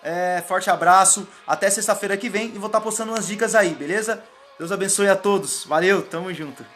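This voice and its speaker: High-voiced man chatting on a live stream. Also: brisk, fairly bright tone, faint music behind. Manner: casual, rambling, thanks viewers by name. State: sweating. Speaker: public speaking coach. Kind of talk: live stream chat, reading viewer comments. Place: indoors, warm room.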